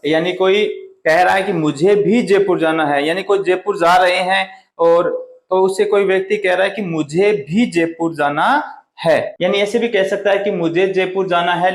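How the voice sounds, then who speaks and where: A man teaching a Hindi grammar lesson, reading example sentences slowly and stressing the key words. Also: high voice. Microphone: phone camera on tripod. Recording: echoey room.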